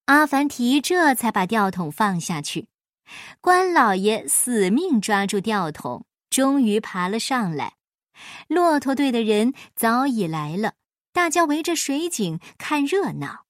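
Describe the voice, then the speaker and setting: A woman storyteller reading a folk tale aloud in an expressive storybook style. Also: fairly high pitch, measured pace, no echo, studio quality.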